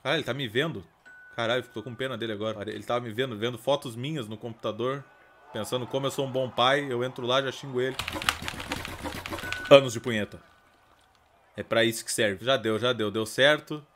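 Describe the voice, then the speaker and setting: A man with a Brazilian Portuguese accent giving let's play commentary as a gaming streamer, swearing constantly and breaking into loud outcries. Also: medium pitch, fairly quick, long pauses, slight background noise. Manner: profane, excitable, bursts into loud outcries.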